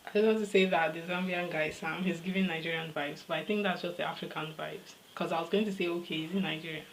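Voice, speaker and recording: Woman host, casual reaction chat, slightly low voice, faint background noise, thinks out loud. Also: steady tone, quick pace, poor audio. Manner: chatty, thinks aloud, second-guesses herself.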